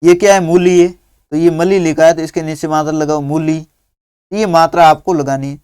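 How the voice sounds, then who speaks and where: A man teaching young children through a workbook, dictating words slowly and patiently one at a time. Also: on the high side, steady tone, a little mellow, clean tone, no room sound, studio quality.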